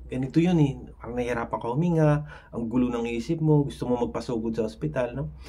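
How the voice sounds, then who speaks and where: A man's voice: mid-range voice, fast talker, warm tone, breathy edge. Rambling man giving casual advice. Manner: rambling, fillers, frequent tag questions. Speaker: vlogger sharing anxiety tips. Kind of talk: casual talk to camera.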